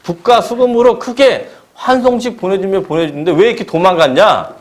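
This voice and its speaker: A man's voice: sits high, brisk, voice pushed up, close to an everyday voice. Sly scheming old uncle with a raised, fussing voice, done by a male preacher. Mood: wheedling. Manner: feigned hurt, rhetorical complaining. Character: sly scheming older uncle, smooth-talking.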